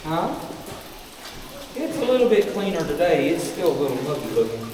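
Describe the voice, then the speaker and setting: A man's voice: on the high side, big pitch swings, moderate pace, far from the mic. A man guiding a group through a cave in a folksy way, his voice echoing off the rock. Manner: folksy, addresses group as guys and y'all. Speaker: cave tour guide. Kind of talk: guided tour talk to a group. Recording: echoey cave reverb, hiss and noise.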